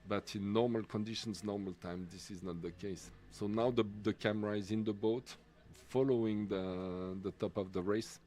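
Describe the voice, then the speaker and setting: A middle-aged Swiss man with a French accent giving live commentary on a race, halting and full of fillers. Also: fairly low pitch, steady tone, dark tone. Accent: French-speaking Swiss. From Switzerland. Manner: halting, many fillers and restarts.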